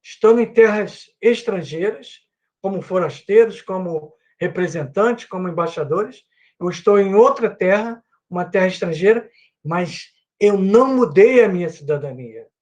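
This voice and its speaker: A Brazilian Sunday school teacher leads a Bible class from his computer, wearing headphones and using a microphone. He speaks earnestly, repeating himself and adding lots of little "né" tags. His high-pitched voice is expressive and darkish, at a normal speed.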